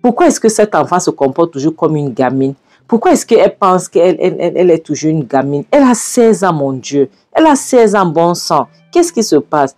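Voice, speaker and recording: An impatient, scolding mother repeats herself in sharp, exasperated bursts, voiced by a woman. Her voice is warm and rather low, and faint music plays behind her. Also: sing-song, brisk.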